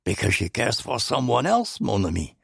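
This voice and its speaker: A man reading in a lifted, animated voice for a shrewd older Belgian detective from a storybook, calm and faintly amused. The tone is gravelly and husky, with wide swings of pitch through each precise phrase. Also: moderate pace, dry recording, clean studio sound, exaggerated voice. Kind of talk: audiobook character voice.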